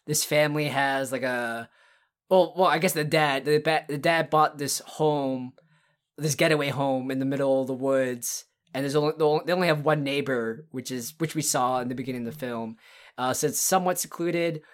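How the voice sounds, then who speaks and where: Woman, low voice, casual podcast co-host; rambling, eager, filler-heavy delivery. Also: moderate pace. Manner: rambling, enthusiastic retelling with many fillers and restarts. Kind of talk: casual podcast chat about horror films.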